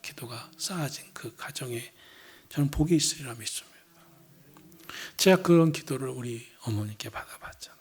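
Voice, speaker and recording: A middle-aged man preaching an evening church sermon as senior pastor, earnest, dropping to hushed lines and rising to loud emphatic ones. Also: mid-range voice, expressive, normal speed, breathy edge.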